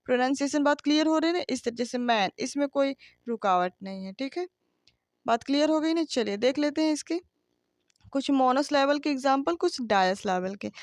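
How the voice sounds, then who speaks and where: A woman's voice: sits high, a little fast, no room sound, studio quality. A woman teaching a grammar lesson, explaining patiently with rhetorical questions and frequent checks that the class understands.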